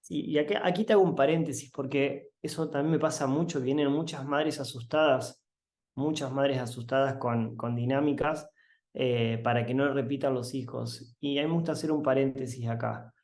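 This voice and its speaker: A man, a family constellation therapist guiding a visualization and explaining in a calm, earnest way. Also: mid-range voice, moderate pace.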